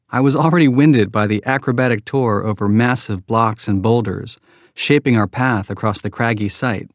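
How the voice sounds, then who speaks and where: A man reading a nonfiction book aloud in a steady, measured narration. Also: medium pitch, no room sound. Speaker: audiobook reader.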